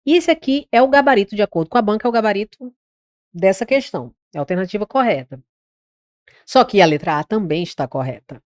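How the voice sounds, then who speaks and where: A woman with a Brazilian Portuguese accent giving an exam-prep grammar lesson. She corrects herself aloud and sounds out words slowly. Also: mid-range voice, expressive, a little mellow, no room sound, clean studio sound. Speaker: teacher.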